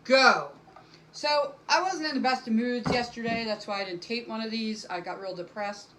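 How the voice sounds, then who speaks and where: A woman's voice: fairly high pitch, a little fast, a bit bright, a little hiss or hum, low-quality recording. Rambling self-deprecating woman comic. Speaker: stand-up comic. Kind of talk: casual stand-up monologue to camera. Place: at home.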